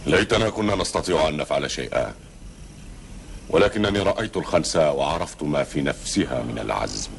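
Booming epic bedouin nobleman, super deep n gravelly, grave and regretful. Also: expressive, fast, exaggerated voice. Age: middle-aged. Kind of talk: solemn classical Arabic historical TV drama acting. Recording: old TV soundtrack with background noise.

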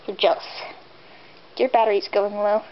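A woman's voice: mid-range voice, steady tone, moderate pace, muffled recording, slight background noise. A woman chatting and giggling while being tickled, filming a casual home video, recorded on old camcorder audio through the camera's built-in mic.

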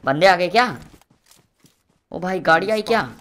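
Young guy streaming a shooter game, bright edgy voice, cocky and foul-mouthed, yelling to his squad. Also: high voice, unhurried. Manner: boastful, swearing trash talk at opponents; excitable, shouting out calls to teammates. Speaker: gaming streamer. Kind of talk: live gameplay commentary.

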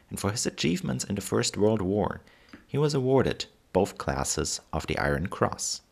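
Gravelly, low-voiced German-accented man saying v for w. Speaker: history channel host. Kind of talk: scripted narration.

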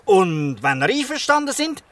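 Sitting high and sounding slightly bright, a man's voice plays a bluff, shrewd, fatherly fisherman in a Swiss dialect radio drama, warm and coaxing in mood. He's very animated at a normal speed, recorded dry and somewhat distant from the microphone.

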